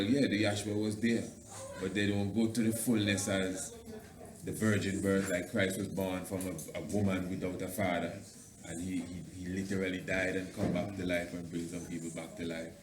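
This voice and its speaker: Low voiced guy doing rasta speech, interviewer asking long roundabout questions, echoey room w slight noise. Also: little pitch movement, moderate pace. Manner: long-winded, circling questions with repetition. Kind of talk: interview, casual theological discussion. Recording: roomy echo, faint background noise.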